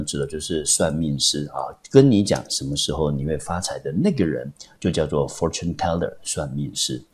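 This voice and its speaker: A man's voice: rumbling low, slightly rough. A man, teaching English vocabulary patiently and step by step, with many fillers. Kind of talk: vocabulary lesson.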